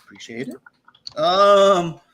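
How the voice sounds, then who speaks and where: Man, host of a live chat show, bright forceful voice, slightly high, loud and laughing, rambling shout-outs. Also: slow pace, a little hiss or hum. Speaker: podcast host. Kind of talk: casual live-stream chat.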